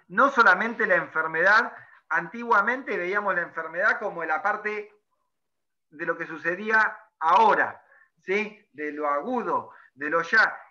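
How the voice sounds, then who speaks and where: A man's voice: on the high side, pushed and bright. Male teacher giving a class lecture, keeps checking in with the students, muffled lo-fi sound. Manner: explanatory, checks in with frequent "¿sí?". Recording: dull lo-fi recording.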